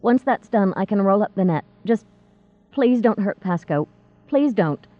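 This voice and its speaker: A woman reading the part of a young woman mage who speaks gently and pleads. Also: mid-range voice, normal speed, no room sound, natural voice. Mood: pleading. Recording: tinny phone-like dry sound.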